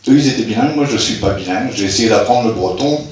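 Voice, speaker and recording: An older man from Brittany, France, speaks fast in a lowish voice, with a little hiss or hum on the recording. As a rural club president at a local fête, he talks informally to a live audience, hesitant and full of restarts, chuckling at his own jokes. The community hall is echoey, and he is heard from afar.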